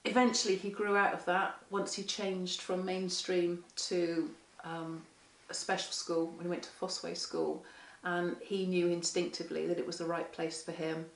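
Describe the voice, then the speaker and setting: Hoarse mum, frank interview testimony, low voice, distant mic. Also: female voice, flat delivery, normal speed, hardly any pauses. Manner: frank, candid storytelling that acts out quoted speech. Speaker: parent carer. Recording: echoey room, mic far off.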